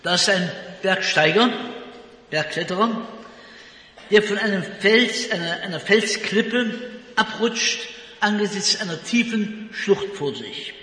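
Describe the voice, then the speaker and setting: A man preaching a sermon in a slow, deliberate and emphatic way, recorded in a large reverberant hall. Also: sits high, sharp tone.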